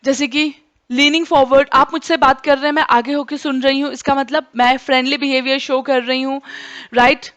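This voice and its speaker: Woman, young, teacher, high voice, lecture, checks in with "right?". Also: flat delivery, fairly quick, a bit bright, highs cut off. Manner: explains with spoken examples, keeps asking "right?". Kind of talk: Hindi-English mixed classroom lecture.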